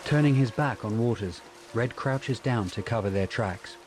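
A man reading scripted audio description for a film in a measured, descriptive manner. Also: medium pitch, music in the background.

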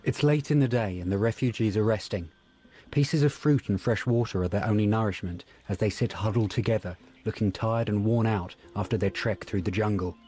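A man reading scripted audio description for a film in a measured, descriptive manner. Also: on the low side, mellow, breathy edge, soft background music.

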